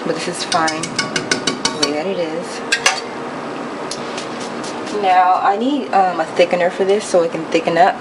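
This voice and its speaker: Young woman, lowish voice, home-cooking vlogger, casual how-to talk, loud pan clatter behind. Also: unhurried, pauses often. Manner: relaxed step-by-step explaining with fillers. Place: home kitchen at the stove. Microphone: camera held over the counter. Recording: loud kitchen noise behind voice. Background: pots, pans and sizzling.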